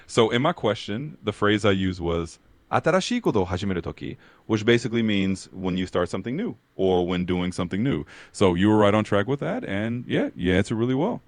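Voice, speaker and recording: A man's voice: fairly low pitch, expressive, a little fast, few pauses, no echo. A man speaking as an encouraging, affirming language tutor in a conversational style.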